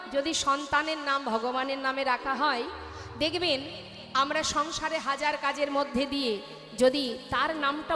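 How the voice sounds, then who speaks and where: A woman with a high, bright voice tells a devotional story in a kirtan sermon. The voice rings through a large, echoing hall. Soft music plays behind her. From Bengal. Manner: lively, chanting refrains, addressing listeners as mothers.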